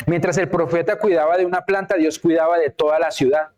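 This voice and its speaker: A man's voice: a little high, steady tone, fast, darkish tone. Male preacher with a raised voice who works the congregation with questions and acts out scripture scenes. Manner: frequent rhetorical checks with the congregation; acts out biblical characters' words. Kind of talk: sermon. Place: church in Canada.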